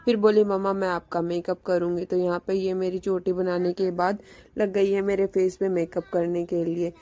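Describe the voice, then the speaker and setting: A woman's voice: fairly low pitch, level tone, moderate pace, dark tone, muffled recording. A woman, a mother, narrating a home video in a casual, chatty way, amused as she describes each step in turn.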